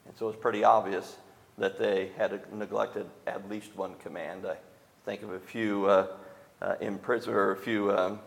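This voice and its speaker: A man's voice: on the low side, flat delivery, moderate pace, creaky, in a large hall. A male preacher giving a sermon emphatically, often tagging his points with rhetorical questions.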